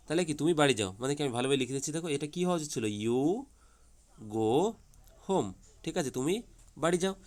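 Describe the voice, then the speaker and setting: Man teaching English grammar, quizzing. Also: fairly high pitch. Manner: repeats checks like "ঠিক আছে?", asks and answers his own questions. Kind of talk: explanatory lesson to children.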